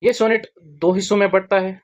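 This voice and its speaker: A teacher explaining a literature topic in a deliberate lesson, spelling out key terms word by word. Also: medium pitch, flat delivery.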